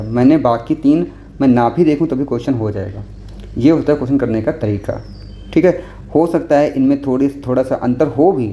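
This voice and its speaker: A man's voice: mid-range voice, mellow. A man tutoring for an exam, walking through answers one by one and checking in often with the class. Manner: patient, repeats with frequent "okay?" checks. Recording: dull lo-fi recording with faint noise.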